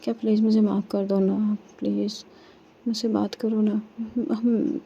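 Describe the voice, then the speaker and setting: A woman's voice: mid-range voice, flat delivery, creaky, warm tone, husky, muffled recording. A woman voicing a remorseful young woman pleading. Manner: emotional, pleading, halting repeats.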